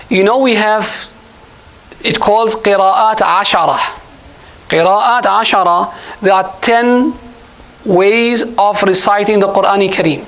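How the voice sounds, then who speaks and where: High-voiced man teaching an Arabic class. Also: fairly bright tone, rough recording. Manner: patient, repeats points and quizzes the class. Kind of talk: classroom lesson. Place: mosque classroom.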